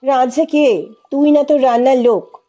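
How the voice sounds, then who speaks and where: A woman's voice: high-pitched, normal speed, warm tone, highs cut off, faint music behind, voice pushed up, lightly acted. A woman doing a bossy, teasing man in a story. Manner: commanding, teasing. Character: loud bossy carefree man, old college friend.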